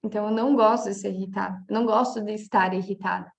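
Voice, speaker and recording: Gravelly-voiced Brazilian woman teaching. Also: medium pitch, fairly even intonation, fast talker. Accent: Brazilian Portuguese. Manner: talks through examples, with many filler checks like "tá?". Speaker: coach teaching a class. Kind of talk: casual spoken lesson.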